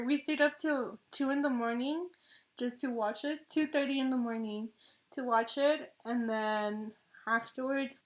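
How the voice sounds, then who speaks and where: A giggly woman chats through a casual fan Q&A. Her voice sits a little high, and she speaks slowly, letting sentences trail off as she goes. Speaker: channel co-host.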